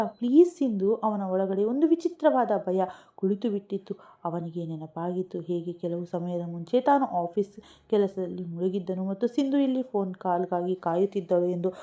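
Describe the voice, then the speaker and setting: A woman storyteller reading an emotional story in a soft, unhurried way. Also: on the low side, dull audio.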